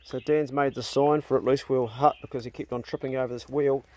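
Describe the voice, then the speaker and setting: A man's voice: mid-range voice, steady tone, fairly quick, a little mellow. A middle-aged man with a broad New Zealand accent chatting casually as a vlog host, laid-back and slangy. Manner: laid-back slangy talk, ending with "eh" and "bro". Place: outdoors on rural land. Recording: noisy outdoor ambience.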